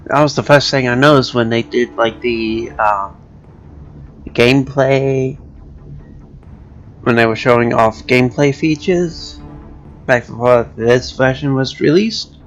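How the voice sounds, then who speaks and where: A man's voice: medium pitch, steady tone, a little slow, pauses often, muffled recording. A man giving casual, off-the-cuff commentary as he plays a video game, with game music behind him. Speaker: let's play commentator.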